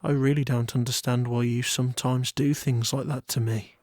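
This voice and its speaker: A man's voice: mid-range voice, steady tone, normal speed, darkish tone, no room sound, studio quality, natural voice. A man playing a wealthy, self-controlled yandere lover, jealous yet restrained, speaking formally in a dramatic audio role-play. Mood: suspicious. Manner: yandere, composed, formal, wounded devotion.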